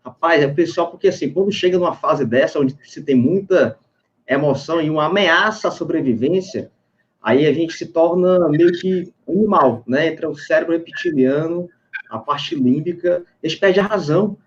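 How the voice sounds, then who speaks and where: A man interviewing a guest in a relaxed, conversational way, often adding tag questions. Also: fairly high pitch, normal speed. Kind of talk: casual interview chat. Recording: dull lo-fi sound.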